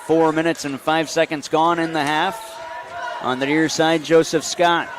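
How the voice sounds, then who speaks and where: A man's voice: fairly high pitch, little pitch movement, fairly bright tone, slight background noise. Man calling basketball play-by-play. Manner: brisk, calls plays in short bursts. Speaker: play-by-play announcer.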